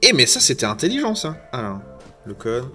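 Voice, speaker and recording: A man from France talks casually to camera while tearing open card packs. His delivery is jokey and self-deprecating, full of wandering asides, with a lively, swinging pitch. Soft music plays faintly behind him. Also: a little fast. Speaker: YouTuber opening Pokémon card packs.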